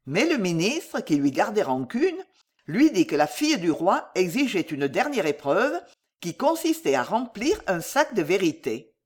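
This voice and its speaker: Brief: female storyteller reading an old folk tale aloud, expressive and measured, lively pitch. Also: breathy edge.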